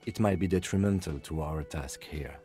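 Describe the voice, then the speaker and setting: A man voicing a calm, deadpan police lieutenant. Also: deep voice, over loud music, lightly acted. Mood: measured. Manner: measured, precise, deadpan sarcasm. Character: calm, dry-witted male police lieutenant. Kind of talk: video game dialogue.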